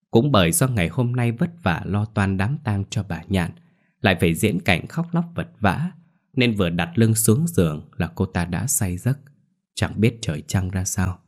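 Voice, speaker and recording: A man narrating a scripted horror story in a steady, grave way. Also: low-pitched, moderate pace.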